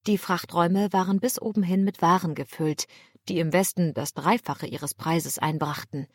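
A woman reading a historical novel aloud as narrator, in an even, measured way. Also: fairly low pitch, no room sound, clean studio sound. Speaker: audiobook narrator. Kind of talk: scripted narration.

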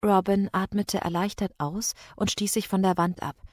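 A woman narrating an audiobook in a measured, steady storytelling manner. She reads into a close studio microphone. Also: mid-range voice, dry recording. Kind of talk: scripted narration.

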